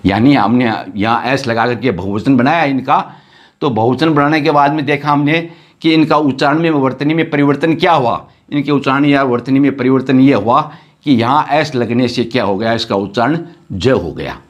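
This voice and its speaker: A man's voice: medium pitch, moderate pace, lo-fi sound. A man teaching a grammar lesson, repeating words and sounds one by one.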